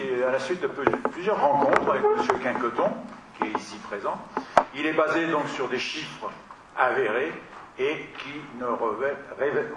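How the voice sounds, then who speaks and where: A man presenting a finance report at a town council meeting, measured with some fillers. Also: fairly high pitch. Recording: echoey room, mic far off, clear background noise.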